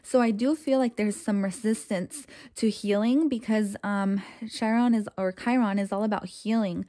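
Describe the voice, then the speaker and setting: A young woman reads tarot cards in a casual, chatty way, talking straight to her viewers. She keeps things reassuring and loose, with plenty of fillers along the way. Her voice is warm and mellow at an ordinary middle pitch. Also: normal speed. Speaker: tarot reader. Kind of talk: casual tarot reading to camera.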